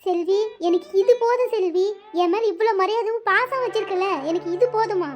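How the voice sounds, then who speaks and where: A fretful middle-aged aunt in a cartoon who has raised her niece as her own. Her voice sits very high, and she pleads with emotion over clear background music. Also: brisk. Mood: pleading. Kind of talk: cartoon voice acting.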